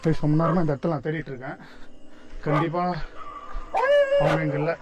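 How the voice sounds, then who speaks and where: A man's voice: a little high, fairly even intonation, fairly quick. A man vlogging outdoors at night, talking tensely to his viewers. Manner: tense, addresses viewers as guys. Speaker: ghost-hunting vlogger. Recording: lo-fi, slightly distant, loud music behind.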